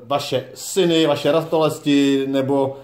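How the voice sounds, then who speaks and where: A man's voice: mid-range voice, fairly even intonation, a little mellow, roomy sound. A man in his thirties hosting a casual handheld vlog in a small hair salon, joking and drawing out his words as he films on a phone held at arm's length. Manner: playful, jokey, drawn-out phrasing. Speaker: vlog host. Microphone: phone camera at arm's length.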